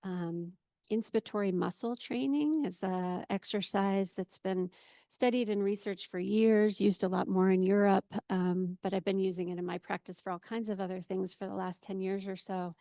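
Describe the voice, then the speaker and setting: Woman clinician, panel speaker, flat delivery, gravelly and mellow, steady and explanatory. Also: medium pitch, normal speed, no echo, clean studio sound. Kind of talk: panel talk.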